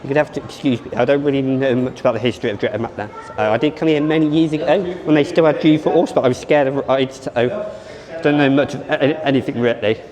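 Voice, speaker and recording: A man's voice: medium pitch, steady tone, fast, crowd noise. A man giving casual, rambling vlog commentary at a theme park and then inside an exhibition. He thinks aloud, often restarts and corrects himself.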